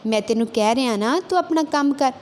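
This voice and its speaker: A calm, wise old holy man, put on by a woman storyteller, spelling out his lessons slowly and deliberately. The voice sits high and light, close to the teller's own. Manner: slow, deliberate repeated teaching lines.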